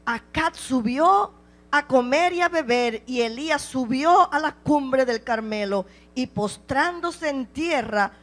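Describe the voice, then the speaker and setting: A woman preaching a sermon with passion, driving her points home with repeated rhetorical questions. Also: high-pitched.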